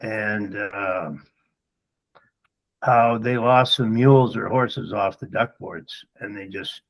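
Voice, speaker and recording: Brief: male call participant, husky voice, halting and unsure delivery. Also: lowish voice, rough recording. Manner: hesitant, halting speech. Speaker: webinar participant. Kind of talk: casual recollection. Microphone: video call.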